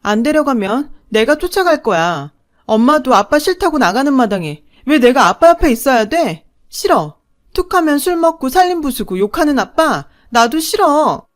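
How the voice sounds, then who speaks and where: A young daughter in a radio story who pleads and talks back in a raised, tearful voice, as a woman narrator acts her out. She sounds higher and louder than the narration around her. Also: sing-song, unhurried, hardly any pauses, dry recording, studio quality. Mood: upset, pleading. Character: young daughter, hurt and defiant.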